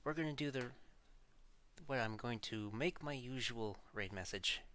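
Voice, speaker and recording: A man's voice: medium pitch, a little slow, bright, forceful tone, a little hiss or hum. A man chatting casually on a gaming livestream in short offhand remarks, with keyboard and mouse clicking in the background. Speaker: live streamer. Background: computer keyboard typing and mouse clicks.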